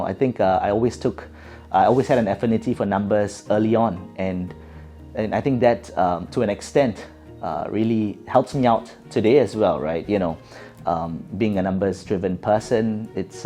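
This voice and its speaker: Low-voiced Singaporean man with soft music. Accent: Singaporean English. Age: middle-aged. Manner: thoughtful, many fillers and restarts. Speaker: guest. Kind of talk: relaxed interview answers.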